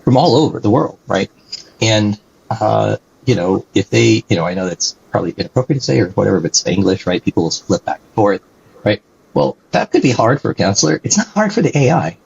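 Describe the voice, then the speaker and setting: A company executive, appearing as an interview guest, talks animatedly and a little fast in a fairly low, creaky voice that is a touch mellow and husky. He explains things conversationally, often ending sentences with "right?", and the lo-fi recording sounds dull.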